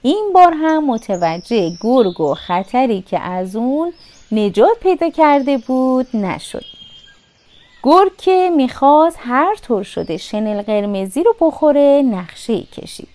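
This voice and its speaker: A woman narrating a children's fairy tale with expressive, sing-song storytelling. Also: high voice.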